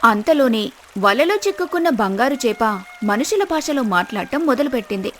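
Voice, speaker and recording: A woman narrating a cartoon story in a steady storytelling manner. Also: on the high side, moderate pace, soft background music.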